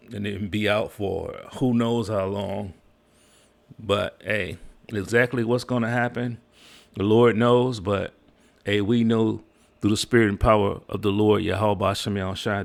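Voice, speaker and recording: Male commentator-preacher, creaky low register, insistent repetition, off-the-cuff delivery. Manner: emphatic, repeats phrases. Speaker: host, religious commentator.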